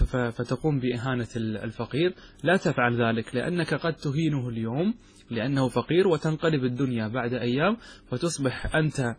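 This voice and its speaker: A man with a husky voice gives a grammar lesson to a class. He explains each point step by step and keeps putting questions to his students before answering them himself. His voice sits in the middle of the range for a man. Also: medium pitch. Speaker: grammar teacher.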